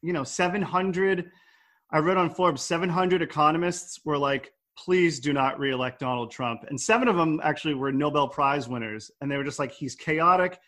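Male podcast host, fairly high voice, casual and filler-heavy, reads headlines in between. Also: moderate pace, fairly bright tone. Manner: chatty, many fillers, reads news aloud. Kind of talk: casual motorcycle news chat.

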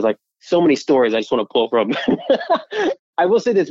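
Lively storytelling man, mid-pitched. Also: no room sound, dull audio. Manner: lively storyteller, laughs easily. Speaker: restaurant co-owner. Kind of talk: interview storytelling.

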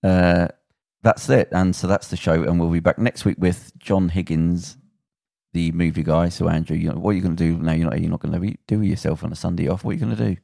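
A man's voice: low voice, steady tone, fast talker, vocal fry, mellow, dry recording, clean studio sound. A man hosting a casual podcast chat, loose and laughing, often trailing off and restarting. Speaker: podcast host.

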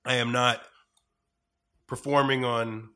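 Bright-voiced man in a giggly, rambling chat. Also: mid-range voice, little pitch movement, slow. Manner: rambling, laughing, hesitant with many uhs. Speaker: podcast guest, improv performer. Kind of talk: casual chat.

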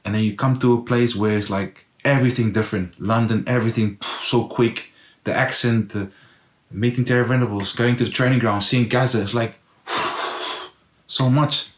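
In a mid-range voice with fairly even intonation and a moderate pace, a middle-aged South African ex-footballer, Afrikaans by first language, tells his life story as an interview guest. He dramatizes his past self with exclamations, and there is a roomy echo.

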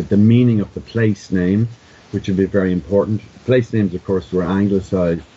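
Deep, mellow Irish storyteller man. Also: dull audio. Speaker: traditional storyteller being interviewed. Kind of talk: conversational explaining, anecdotal.

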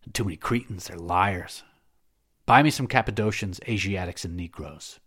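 Stern, scornful general of a storybook, read by a man with a deep husky voice. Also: normal speed, a bit bright. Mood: commanding. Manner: commanding and scornful. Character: stern, imperious male Carthaginian general.

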